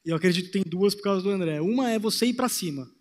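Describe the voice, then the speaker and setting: Thirties guy on stage w headset mic, kinda high voice, big hall echo. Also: lively intonation, rapid-fire. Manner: reflective, gestures while pacing the stage. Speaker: trading course presenter. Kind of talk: motivational talk on stage. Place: large conference hall with audience. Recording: hall reverb.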